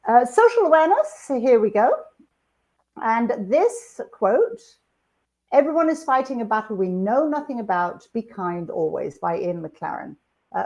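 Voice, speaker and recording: A woman's voice: medium pitch, warm tone. A woman presenting a live online workshop over a computer microphone, chatty and upbeat, with frequent fillers and restarts. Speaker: webinar presenter.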